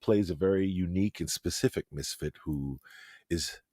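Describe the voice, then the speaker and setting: A man co-hosting a podcast with a husky voice, making firm, pointed arguments. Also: low-pitched, moderate pace, warm tone, no room sound, studio quality. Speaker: podcast co-host. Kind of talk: casual debate and show narration.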